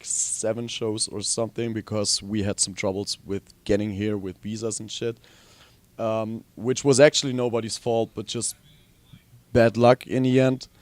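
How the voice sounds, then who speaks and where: Young Austrian-born musician, chatty and dry. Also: male voice, on the low side, no echo. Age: young adult. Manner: relaxed, rambling, frequent ums. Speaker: guitarist and singer. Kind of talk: casual interview.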